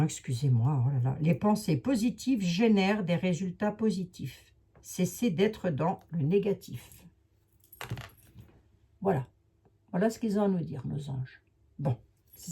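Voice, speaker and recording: A woman with a Lorraine accent reads oracle and tarot cards in a loose, talkative way, wandering into asides and correcting herself. Her voice is low-set, mellow and a little husky. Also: expressive, a little slow, long pauses. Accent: Lorraine French. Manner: chatty, rambling, with many hesitations and asides. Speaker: tarot and oracle card reader. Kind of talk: casual card reading to viewers.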